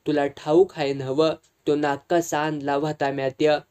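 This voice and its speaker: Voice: medium pitch, little pitch movement, normal speed, mellow, clear, resonant tone, natural voice. A reader voicing a frightened old village patriarch who speaks rural dialect. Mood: fearful. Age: older. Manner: rural dialect, fearful, confessional. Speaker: village elder.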